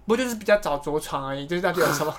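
A man chats on a casual talk show. He speaks in quick bursts and has a blunt, teasing manner. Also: on the high side, expressive. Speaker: podcast co-host. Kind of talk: casual chat.

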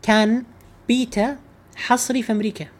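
A man's voice: extremely high pitch, level tone, brisk. A man co-hosting a casual gaming chat, ranting in an exasperated, emphatic way. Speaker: gaming podcast co-host.

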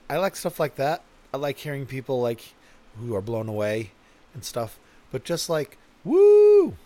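A man hosts his own podcast and talks loosely and off the cuff, wandering from one thought to the next. His humor is self-mocking and sly, full of asides. His pitch sits in an ordinary middle range for a man. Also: animated, moderate pace, darkish tone. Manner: joking, self-mocking, rambling. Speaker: podcast host. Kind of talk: casual podcast chat.

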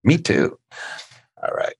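A man's voice: takes it slowly, darkish tone. A middle-aged man hosting a casual tax question show, answering listener questions and cracking dad jokes. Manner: joking, rambling, dad-humor asides.

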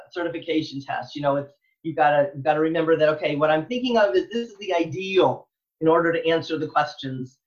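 A middle-aged elementary school librarian from Texas talks enthusiastically as an interview guest, earnest and emphatic, often repeating phrases. Her voice is low, and the sound is lo-fi.

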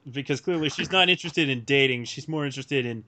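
A man's voice: mid-range voice, quick pace, sharp tone. A man co-hosting a casual fan podcast, making dry, understated remarks. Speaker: podcast co-host.

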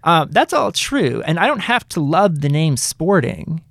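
Gravelly, animated man talking soccer. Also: on the high side, a little slow, dry recording, clean studio sound. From Kansas City area, United States. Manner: animated, emphatic, self-interrupting. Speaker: podcast host. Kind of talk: casual soccer talk.

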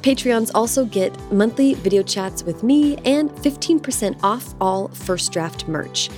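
A woman's voice: fairly high pitch, lively intonation, unhurried, a little mellow. Young woman podcast host, bubbly and eager, faint music under her voice. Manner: bubbly, enthusiastic. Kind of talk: podcast host read and interview.

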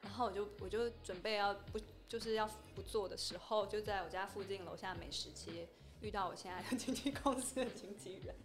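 A woman's voice: medium pitch, fairly quick, hardly any pauses, music in the background. A woman, a fashion model guest telling her story frankly and with animation in a casual chat. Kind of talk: casual podcast conversation.

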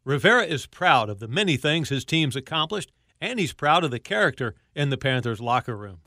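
Sports podcast guy reading the news, bright tense voice, dead dry sound. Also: medium pitch, big pitch swings, fairly quick, no echo. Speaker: podcast host. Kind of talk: scripted narration.

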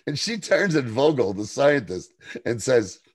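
A man's voice: mid-range voice, very animated, a little slow, breathy edge, dry recording, clean studio sound. A man co-hosting a casual TV recap podcast, rambling with profane, laughing asides. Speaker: podcast co-host.

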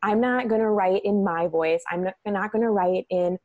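Animated woman guest, dry close sound. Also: medium pitch, normal speed, dry recording, phone-quality sound. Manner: animated storyteller, laughs easily, says "like" a lot. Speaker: guest, messaging strategist. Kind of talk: casual interview chat.

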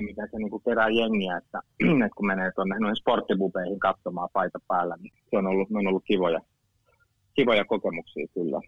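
A man in his fifties telling stories in a relaxed chat. He rambles, doubles back on his words and drops casual swear words. His dry voice comes through a slightly dull, lo-fi recording. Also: lowish voice, dry recording. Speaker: guest. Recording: dull lo-fi sound.

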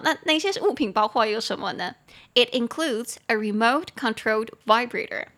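A woman's voice: a little high, sharp tone. A young woman hosts an English lesson podcast, chatting about vocabulary, giggling and spelling words out letter by letter. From Taiwan. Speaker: podcast host and English teacher.

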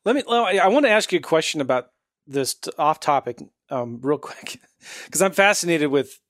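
A man's voice: fairly high pitch, lively intonation, normal speed, a bit bright, no echo, studio quality. A man hosting a podcast, upbeat and chatty, often laughing as he talks. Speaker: podcast host. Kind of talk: casual interview chat.

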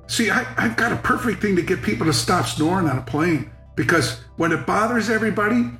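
A man's voice: high-pitched, brisk, reverberant, soft background music. A middle-aged man telling funny travel stories in casual conversation, laughing often and acting out the people in them. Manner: animated storyteller, laughs often, acts out voices. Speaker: podcast guest. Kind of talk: casual storytelling.

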